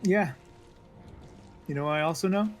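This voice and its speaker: A man's voice: a little high, normal speed, soft background music. A man co-hosting a game stream, bantering and teasing in casual chat.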